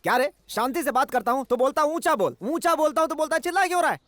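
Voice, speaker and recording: An actor playing an older uncle who pleads and gets exasperated, in a dubbed film. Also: male voice, extremely high pitch, expressive, quick pace, bright, forceful tone, no room sound, full character voice.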